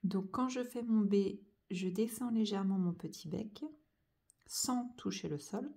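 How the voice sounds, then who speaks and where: Slow, patient woman teaching handwriting. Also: mid-range voice, creaky, mellow. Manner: patient, spells out each letter and sound.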